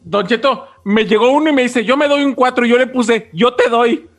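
A man with a strikingly high voice co-hosts a radio show. He banters casually in a playful, joking way. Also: moderate pace, a bit bright. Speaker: radio co-host.

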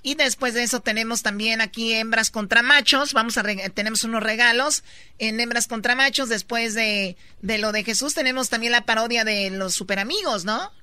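A woman's voice: fairly high pitch, normal speed, pushed and bright, dry recording. A woman co-hosting a radio show, chatting through the coming segments. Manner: chatty, previews the show's segments. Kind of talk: radio show host chat.

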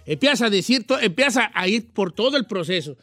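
A man hosting a comedic radio show with a folksy, rambling way of telling stories. His voice is bright and forceful. The studio sound is dry and close. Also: high voice, lively intonation, a little fast, no room sound, soft background music. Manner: folksy, joking, rambling storyteller.

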